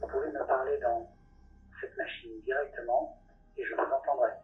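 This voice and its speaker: Childlike robot machine on a walkie-talkie, swooping high and low, voiced by a man. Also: huge pitch swings, normal speed, narrow, tinny audio, soft background music. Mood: eerie, coaxing. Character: playful machine robot seeking children to play. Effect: robot voice through a walkie-talkie speaker.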